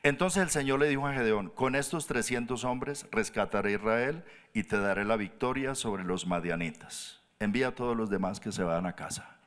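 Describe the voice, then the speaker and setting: A pastor preaching a sermon, animated, jumping up high for emphasis and dropping to soft low tones. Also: male voice, moderate pace, hardly any pauses. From Colombia.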